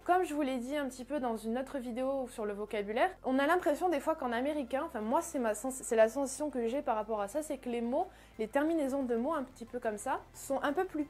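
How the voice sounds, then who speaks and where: High-voiced woman teaching English. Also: darkish tone. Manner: chatty, with fillers and restarts, repeats example words. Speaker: English teacher, channel host. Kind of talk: explanatory online lesson.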